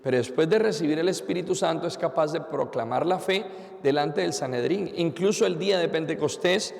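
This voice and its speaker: Man, priest, sermon, gravelly, fairly high voice, long church reverb. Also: a little fast, darkish tone. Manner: earnest preaching with rhetorical questions and repeated phrases.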